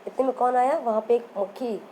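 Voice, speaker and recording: A woman's voice: a little high, brisk, mellow, slight background noise, poor audio. Woman teacher quizzing children through a story. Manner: repeats and quizzes the listeners.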